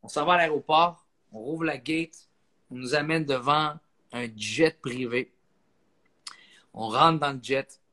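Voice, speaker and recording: Animated Québécois male comedian. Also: on the high side, measured pace, long pauses. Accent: Québécois French. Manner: animated, acts out voices. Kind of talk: comic storytelling on a live stream.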